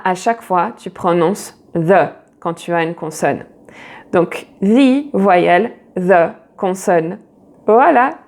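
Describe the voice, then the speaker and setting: Slow, patient woman teaching English. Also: on the high side, darkish tone. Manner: slow, patient, repeats English words to model pronunciation. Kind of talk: online pronunciation lesson.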